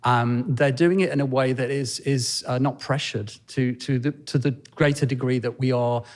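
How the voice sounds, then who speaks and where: A man answering interview questions as a podcast guest, speaking thoughtfully with frequent pauses and restarts. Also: mid-range voice, fairly even intonation. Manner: thoughtful, hesitant, many fillers and restarts. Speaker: podcast guest, fashion designer. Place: penthouse room in Manhattan.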